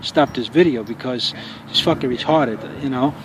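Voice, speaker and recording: A man talks outdoors on a city street with traffic noise around him. He rants in an irritated, profane way, often stopping and restarting his sentences. It sounds like a casual handheld review recording. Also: mid-range voice. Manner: angry, profane ranting with halting restarts. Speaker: RC car hobbyist reviewer.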